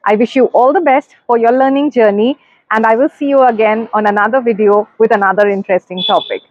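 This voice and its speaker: A woman English coach giving a calm, instructive video lesson and speaking directly to viewers. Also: on the high side, fairly quick, no room sound, dull audio.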